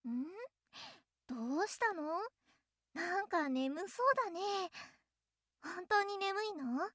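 A woman voicing a clingy, possessive young childhood-friend girl in an audio role-play, speaking to the listener in a coy, playful, teasing way with a soft menace. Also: very high voice, animated, takes it slowly, dry recording, clean studio sound, heavily acted. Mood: playful, coaxing.

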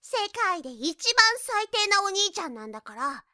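A woman's voice: very high-pitched, very animated, moderate pace, bright, forceful tone, dry recording, studio quality, full character voice. A woman voicing a domineering younger sister in an audio drama, speaking in a mocking, commanding tone. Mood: scornful. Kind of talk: audio drama role-play.

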